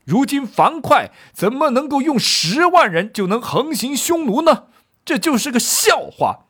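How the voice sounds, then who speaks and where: A man's voice: very high voice, very animated, measured pace, a bit bright, slightly rough, pitched above the performer's own voice, exaggerated voice. A man voicing a stern, upright Han dynasty general who scolds the court in a raised, declaiming voice. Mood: indignant.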